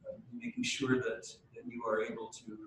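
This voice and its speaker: A man leading a church gathering, speaking formally and praying in a measured way, with a cathedral echo around his voice. He sometimes stumbles into halting restarts. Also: medium pitch, wildly swooping pitch, gravelly, a bit bright, a little hiss or hum. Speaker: church leader opening a diocesan meeting. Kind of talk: formal address and liturgical prayer. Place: large church hall. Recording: cavernous church echo from a distant mic.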